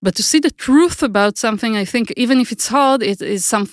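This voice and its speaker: A woman's voice: on the high side, fairly quick, dry recording, studio quality. A middle-aged woman with an Israeli accent, a native Hebrew speaker, answering interview questions thoughtfully and searching for her words. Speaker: guest, author.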